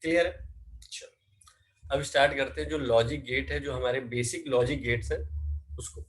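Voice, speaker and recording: A man teaching a class, asking questions and then answering them himself, slow and drawn out when dictating definitions, mixing Hindi with English terms. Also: mid-range voice, a little hiss or hum, poor audio. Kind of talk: classroom lecture.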